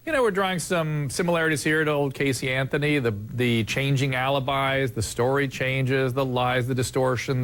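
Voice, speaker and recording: A man hosting a televised panel discussion, earnest and halting, often restarting his sentences. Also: medium pitch. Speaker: TV talk show host.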